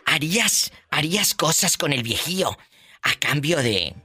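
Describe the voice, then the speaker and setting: A woman's voice: low-pitched, very animated, measured pace, sharp tone, faint music behind. A woman hosting a call-in radio show who teases her callers in a theatrical way and laughs often. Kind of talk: playful call-in radio banter.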